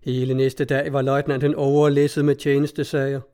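A man narrating a story as an audiobook, in a steady, measured reading voice. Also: medium pitch.

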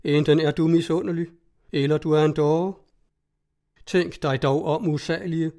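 A man's voice: fairly high pitch, steady tone, dark tone, close to an everyday voice. A man voicing a proud, scornful male citizen who lectures in an indignant tone in a storybook reading.

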